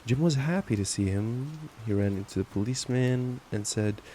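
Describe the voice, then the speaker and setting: Speaking at a normal speed in a warm, medium-pitched voice, a young man acts as a loving, playful boyfriend for ASMR, reading a bedtime story with stumbles and giggling asides. Rain ambience runs through the noisy track.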